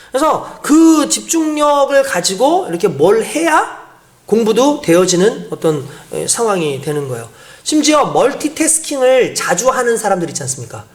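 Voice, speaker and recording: Animated woman preaching a sermon. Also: a little high. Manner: explanatory, asks the congregation rhetorical questions. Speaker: pastor.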